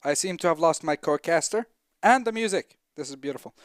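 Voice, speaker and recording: A man's voice: on the high side, animated, brisk, no room sound, studio quality. A man doing live play-by-play commentary on an esports match, with playful, teasing banter toward his co-caster.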